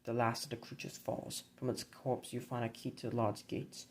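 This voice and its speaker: A man narrating a dark board game campaign in a measured, grim storybook reading. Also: mid-range voice, flat delivery, a little hiss or hum, poor audio.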